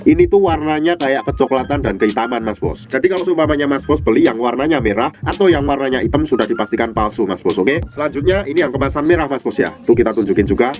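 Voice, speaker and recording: A man with a cold and a stuffy, blocked nose sells herbal products online, casually demonstrating them in a mid-range, slightly mellow, nasal voice. He talks fast and informally, calling the viewer "Mas Bos" constantly.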